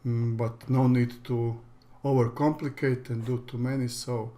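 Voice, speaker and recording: A native Croatian-speaking man from Croatia, with a Croatian accent, walks through a screen-share tutorial as an online course instructor. His mid-range, mellow voice stays level, and his plain delivery is halting with frequent restarts. Slight background noise is audible.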